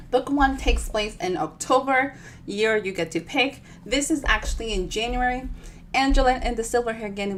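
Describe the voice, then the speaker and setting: A bit of hiss or hum runs under this slightly high voice. It's a Dominican author at her livestream storytime, chatting informally, playfully and with plenty of bubbly energy.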